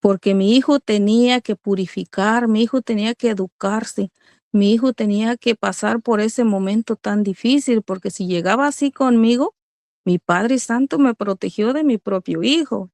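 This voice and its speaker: A woman's voice: on the high side, normal speed, a little mellow, no room sound. A middle-aged woman giving an earnest religious testimony as a mother, speaking to her listeners as brothers.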